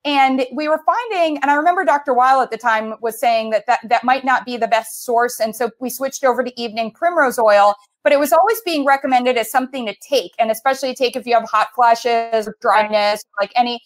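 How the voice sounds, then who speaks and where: A woman's voice: on the high side, a little fast, hardly any pauses. A woman dietitian co-hosting a casual online cooking demo, chatty, with many fillers and restarts, speaking over a video call. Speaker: dietitian co-host.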